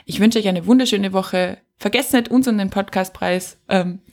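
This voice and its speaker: Woman co-host, casual chat, giggly, rambling storyteller, mid pitch. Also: moderate pace, darkish tone. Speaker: podcast co-host.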